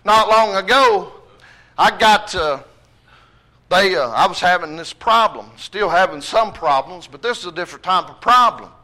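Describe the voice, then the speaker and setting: High-voiced Southern preacher man with a drawl. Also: expressive, normal speed, sharp tone. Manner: folksy Southern drawl, exhorting with repeated phrases. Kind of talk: impassioned revivalist sermon.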